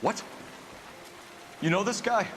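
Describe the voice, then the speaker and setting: A man's voice: high-pitched, takes it slowly. A man playing an urgent, strained former Marine lieutenant turned detective in a video game. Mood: tense. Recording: game audio with very loud background noise.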